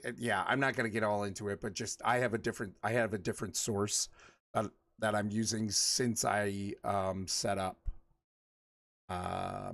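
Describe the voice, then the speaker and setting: A man's voice: lowish voice, gravelly. A man in his forties chatting casually with his livestream viewers, rambling and laughing often. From Michigan. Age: 40s. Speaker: livestream host.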